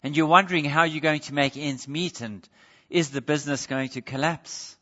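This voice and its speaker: An earnest male preacher delivers a sermon in a bright, forceful voice pitched a little high. He drops to quiet pleading and then lifts into firm emphasis. The sound is dull and lo-fi, with a long reverb trailing through a large hall. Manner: earnest, rises and falls between quiet pleading and raised emphasis.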